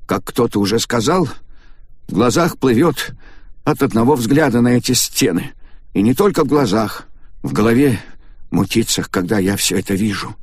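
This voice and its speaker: A man's voice: mid-range voice, expressive, moderate pace, husky, no echo, studio quality, pitched above the performer's own voice. A male reader voicing a worn-out, dazed young man in an audiobook. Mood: weary. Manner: tired, heavy.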